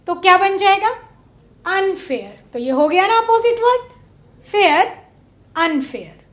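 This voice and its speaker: A woman teaching a class, asking her pupils questions and drawing out example words slowly. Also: extremely high pitch, roomy sound. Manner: slow, drawn-out stress on example words; asks pupils questions and waits. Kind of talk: classroom lesson. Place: studio classroom.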